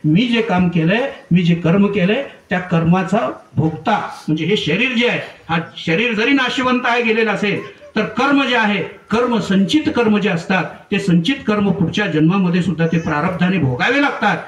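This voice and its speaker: A man with a high voice narrates a devotional tale in an earnest, dramatic way. His voice echoes around a big gathering hall and is heard from a distance. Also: expressive, moderate pace. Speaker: religious storyteller. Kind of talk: devotional storytelling. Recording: echoey room heard from far off.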